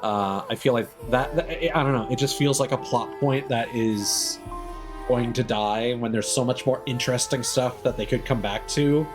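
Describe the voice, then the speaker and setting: A game livestreamer with a medium pitch and normal pace offers loose, wandering commentary full of opinions, and music plays behind his casual stream chatter.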